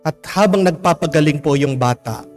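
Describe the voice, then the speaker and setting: Gentle priest telling a homily story. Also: male voice, a little high, normal speed, soft background music. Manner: gentle, polite storytelling with frequent respectful particles.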